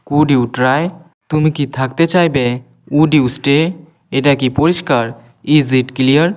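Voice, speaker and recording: A man's voice: mid-range voice, smooth, poor audio. A man teaching spoken English, saying a Bengali phrase and then repeating the English twice for learners. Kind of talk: slow sentence drills for learners.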